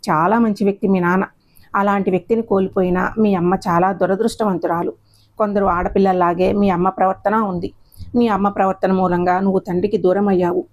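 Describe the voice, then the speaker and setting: A woman's voice: mid-range voice, steady tone, fairly quick, a little mellow, dull audio, lightly acted. A woman voicing an elderly retired male schoolteacher who lectures in a stern, moralizing way. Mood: lecturing. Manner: lecturing, preachy.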